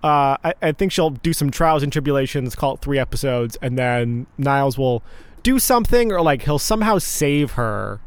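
A man's voice: medium pitch, lively intonation, clear, resonant tone, no room sound. Playful man chatting, dry close sound. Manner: playful, jokey, quick asides. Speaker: podcast co-host. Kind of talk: casual chat.

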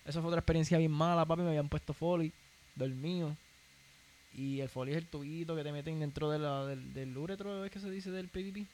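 A young man with a Puerto Rican accent tells stories in a casual podcast chat, animated and full of slang. His voice sits fairly high. A faint hiss of room noise runs under the talk. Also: brisk. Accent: Puerto Rican Spanish. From Puerto Rico. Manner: animated storytelling, slangy, keeps saying "papi".

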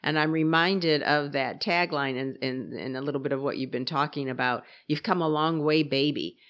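A woman hosting a radio interview, chatty and quick to laugh. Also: low voice, a bit bright, highs cut off. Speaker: radio host.

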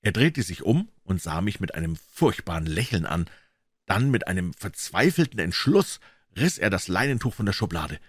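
A man reading a classic story aloud as audiobook narration, in a dramatic, expressive way. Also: deep voice, normal speed, breathy edge, no echo, clean studio sound. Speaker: audiobook reader.

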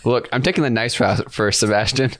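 A man's voice: medium pitch, fairly quick, a bit bright. A man chatting casually and brashly as a player in a tabletop role-playing game.

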